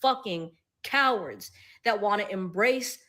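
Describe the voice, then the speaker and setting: A woman's voice: mid-range voice, animated, slow, bright, forceful tone. A woman giving a blunt, profane, emphatic rant straight to camera as a social media commentator.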